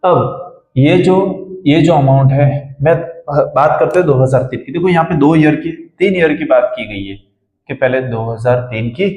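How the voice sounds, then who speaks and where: A man's voice: a little high, moderate pace, a little mellow. Guy tutoring maths, keeps asking the class stuff then answering it, echoey room. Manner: repeats questions to students and answers them himself. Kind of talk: blackboard-style maths lesson. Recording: roomy classroom echo.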